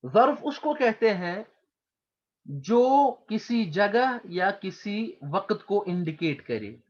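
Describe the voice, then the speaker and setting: Male grammar teacher, unhurried and patient, repeats terms for students; dull lo-fi recording. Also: sits high, sing-song. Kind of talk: slow explanatory lecture.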